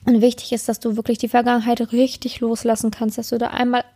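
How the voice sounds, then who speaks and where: Woman, love coach, motivational talk, fairly high voice, mellow tone, direct address, earnest and emphatic. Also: completely flat delivery, fast talker. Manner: speaks straight to the listener, tags lines with "ne?" and repeats "und, und, und"; earnest, emphatic, with blunt swearing for stress.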